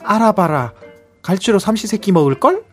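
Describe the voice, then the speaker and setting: A man's voice: high voice, big pitch swings, normal speed, soft background music. A man voicing a bossy, pushy middle-aged older sister in a radio comedy skit, ordering her sibling around in a brusque way.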